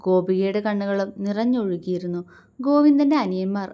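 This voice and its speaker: Woman storyteller, scripted narration, soft, emotive, mid pitch. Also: expressive, brisk, smooth, highs cut off.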